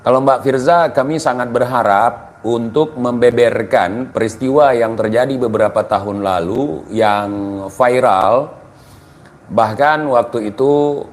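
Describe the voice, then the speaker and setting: A man hosting a live stream, giving his commentary in a measured, deliberate way and speaking to his viewers. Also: medium pitch.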